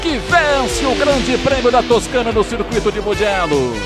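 High-pitched Brazilian man, excited motorsport commentator. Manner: dramatic, drawn-out exclamations. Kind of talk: excited live race commentary. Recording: radio broadcast with music behind. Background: music.

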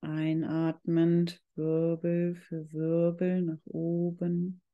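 A yoga instructor guiding a meditation in calm, measured, drawn-out phrases. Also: medium pitch, lo-fi sound. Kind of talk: slow guided yoga meditation.

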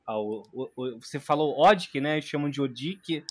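A man's voice: medium pitch, animated, normal speed. A man interviewing a guest casually, stumbling over restarts.

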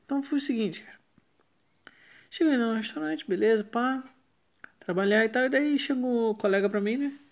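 A woman's voice: on the high side, normal speed, long pauses. A woman with a Brazilian Portuguese accent hosting a casual solo podcast, rambling in slangy, profanity-heavy talk. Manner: slangy, heavily profane, digressive. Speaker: podcast host.

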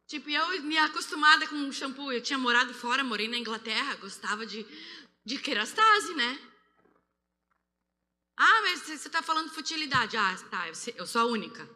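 A Brazilian woman giving an animated testimony sermon on a handheld mic, acting out voices as she tells it. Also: on the high side, brisk. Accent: Brazilian Portuguese. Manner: animated, acts out quoted voices. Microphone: handheld microphone. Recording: long hall reverb.

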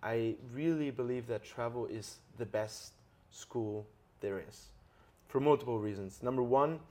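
With a warm, medium-pitched voice and a measured pace, this man hosts a podcast interview. He lays out ideas earnestly, frequently adding tag questions to check in.

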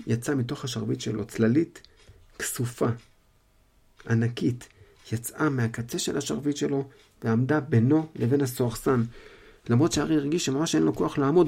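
A man tells a story in a relaxed, casual way, retelling it in his own words with small fillers. His voice is gravelly and mellow at a medium pitch.

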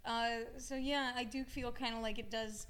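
A young adult woman with a Texas accent and a slightly raspy voice, chatting playfully as a podcast guest. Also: on the high side, steady tone, moderate pace, a bit bright. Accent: Texan. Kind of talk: casual chat.

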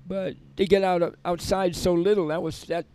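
A man's voice: high-pitched, little pitch movement, normal speed, warm tone, smooth, no room sound, poor audio. A middle-aged man who teaches yoga and meditation in prisons, telling stories in a rambling way with many restarts. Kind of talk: conversational storytelling interview.

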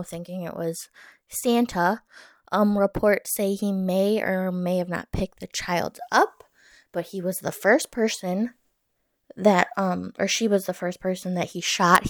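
A woman's voice: mid-range voice, darkish tone, no room sound, studio quality. A woman hosting a podcast as a true crime narrator, telling the story plainly and conversationally with casual asides. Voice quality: creaky vocal fry. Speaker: podcast host.

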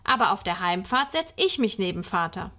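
A woman's voice: mid-range voice, very animated, fairly quick, sharp tone. A woman voicing a young girl, a sensible and slightly bossy older sister. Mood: bright.

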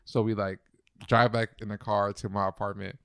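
A young man in his twenties chatting casually as co-host, telling a slangy, animated story. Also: fairly low pitch, moderate pace, vocal fry, clean tone, no room sound, studio quality. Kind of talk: casual chat.

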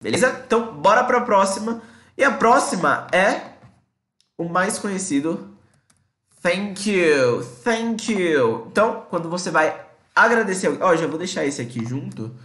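A man with a Brazilian accent teaching English in a casual lesson, explaining in Portuguese and saying English phrases slowly. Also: sits high, expressive, a bit bright, roomy sound.

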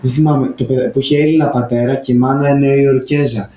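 A man's voice: medium pitch, fairly even intonation, warm tone, echoey room. A man, a regular guest on a podcast, chatting in a laid-back way and adding side comments. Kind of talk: casual chat.

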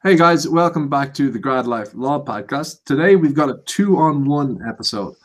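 A man's voice: medium pitch, expressive, moderate pace. A man hosting a podcast and putting casual questions to guests. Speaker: podcast host, interviewer. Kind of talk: casual interview.

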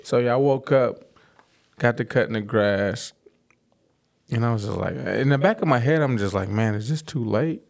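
A man's voice: mid-range voice, normal speed, vocal fry. A man in his forties, co-hosting a podcast in a laid-back, slangy, rambling casual chat. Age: 40s. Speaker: podcast co-host.

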